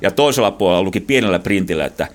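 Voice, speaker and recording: A middle-aged Finnish man telling adventure stories in an interview, animated and laughing often, with many restarts. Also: deep voice, a crowd in the background. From Finland. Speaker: guest, explorer. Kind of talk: casual storytelling.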